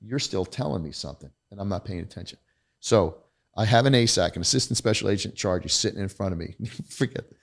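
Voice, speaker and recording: Gravelly middle-aged man, blunt and candid. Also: lowish voice. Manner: emphatic, blunt, self-deprecating. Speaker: podcast guest, retired federal agent. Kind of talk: candid conversational storytelling.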